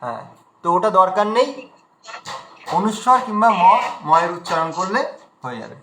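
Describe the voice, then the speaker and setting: A man with a high, bright voice teaching recitation over a video call. He stretches each demonstrated word out slowly and keeps checking that his students follow. The sound has a roomy echo. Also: sing-song, a little hiss or hum. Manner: patient, repeats words very slowly to demonstrate; often checks understanding with a question. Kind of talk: online class teaching.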